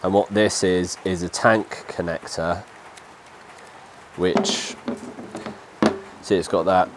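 Slow and low-pitched, with fairly even intonation, a thirty-something man with a cold-stuffed nose casually demonstrates a DIY job step by step. He's outdoors beneath a shelter as light rain falls. He records his vlog on a lapel mic.

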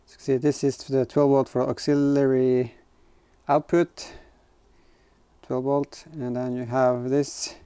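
A man in his thirties works on a car in a garage workshop and inside its back, thinking aloud in casual, hesitant DIY vlog commentary. He speaks slowly and flatly at a medium pitch, with a warm, clean tone.

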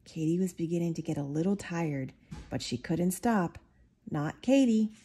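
Over soft background music, a storybook reader narrates a children's picture book at normal speed. Her voice is warm, a touch husky and slightly low, steady in narration and rising into expressive, excited voices for the characters.

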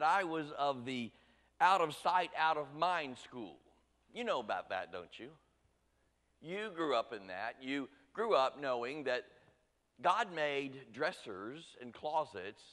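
A man's voice: a little high, a bit bright. Man, middle-aged, sermon, folksy, addresses congregation, long church reverb. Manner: folksy, talks straight to the congregation with light teasing. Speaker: pastor. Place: church sanctuary.

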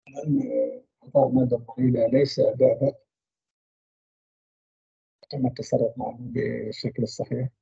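Man, lecturer, halting delivery, gravelly fry, dry close sound. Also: mid-range voice, mellow, dry recording. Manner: halting, trails off mid-phrase into drawn-out fillers. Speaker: medical lecturer. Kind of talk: university radiology lecture. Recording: dull lo-fi dry recording.

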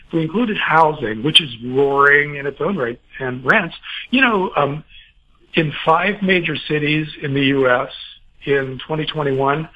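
A man answers an interview as a financial guest, circling his points with fillers and false starts. His voice is husky. The audio is dull and lo-fi. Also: mid-range voice. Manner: rambling, many fillers and restarts.

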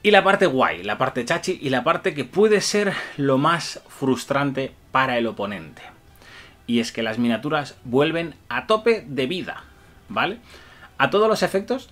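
A man's voice: mid-range voice, fairly bright tone. A man breaks down tabletop game rules to camera with eager enthusiasm. He chuckles often and peppers his explanations with "eh" and "vale". The sound is that of a webcam at a desk in a small room. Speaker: tabletop wargame rules reviewer.

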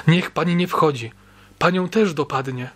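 A man voicing a frightened teenage girl babysitter, pleading in a high, breathless voice in an audiobook. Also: moderate pace, fairly bright tone, breathy edge. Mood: panicked.

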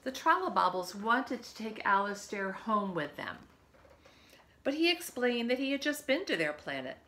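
In her living room by a window, a woman in her fifties reads a picture book aloud to young children, expressively and with chatty asides. Her fairly high voice is sing-song and sharp in tone, at a normal speed.

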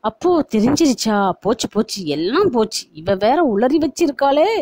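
A woman's voice: a little high, sing-song, normal speed, mellow, no room sound. A woman reading a story aloud and voicing an exasperated young husband who frets and mutters to himself.

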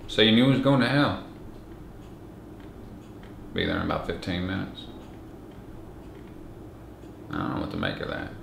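A man's voice: low-pitched, wildly swooping pitch, moderate pace, creaky, long pauses, exaggerated voice. A man in his thirties playing a plain-spoken, weary county sheriff in a reflective, troubled dramatic monologue. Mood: troubled, grave. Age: 30s. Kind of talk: dramatic monologue, audition-tape acting. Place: small bare indoor room against a plain wall. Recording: echoey room, faint background hiss.

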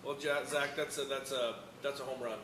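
A man in his thirties hosts a beer tasting with enthusiasm and plenty of quick agreement. His voice is mid-pitched. The room is echoey, with steady bar noise behind him. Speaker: show host. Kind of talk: casual chat. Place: bar with bottle shelves, indoors.

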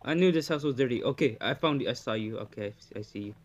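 A man's voice: mid-range voice, quick pace. A young man casually commentating a horror game with a friend, as a scared, jumpy streamer who exclaims a lot.

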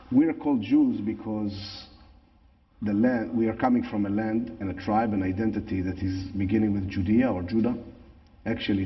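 A middle-aged man from Israel with an Israeli accent, explaining things conversationally as an interview guest. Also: lowish voice. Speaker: interview guest, tour guide. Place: large church sanctuary, indoors. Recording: echoey large hall, slightly dull sound.

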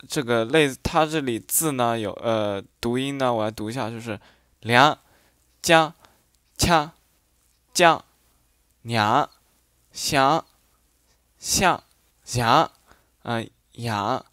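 Slow, deliberate man teaching pronunciation. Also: mid-range voice, fairly bright tone, clean tone, dry recording, clean studio sound. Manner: reads example syllables aloud one by one, pausing between them; explains with frequent hesitation fillers. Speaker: dialect teacher. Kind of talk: phonetics lesson.

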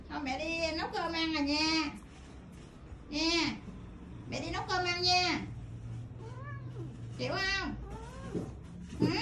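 A woman who runs a pet shop, coaxing and questioning her cat in a mother-like way. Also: high voice. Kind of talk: casual talk to a pet. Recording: noisy room with meowing cat.

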